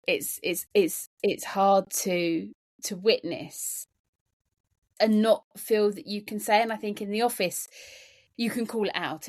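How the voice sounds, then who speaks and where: On a conversational podcast interview, a female neurodiversity trainer with a medium-pitched voice discusses workplaces. She comes across as earnest and emphatic, often repeating herself and leaning on "you know."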